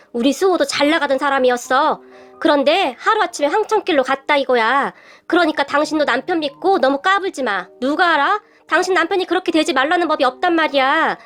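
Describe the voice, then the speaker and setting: A woman's voice: high voice, fairly bright tone. A woman voicing a bitter, drunk middle-aged housekeeper with a slurred, scornful way of talking, read in a storybook narration.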